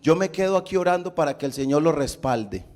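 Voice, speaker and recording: A man voicing a shy young churchgoer who talks quietly and stumbles over his words. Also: a little high, lively intonation, brisk, natural voice. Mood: timid, pleading.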